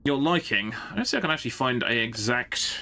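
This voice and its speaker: A man's voice: medium pitch, expressive, fast talker, creaky, pushed and bright, a little hiss or hum. A man chatting casually on a game live stream, rambling and thinking aloud to his viewers.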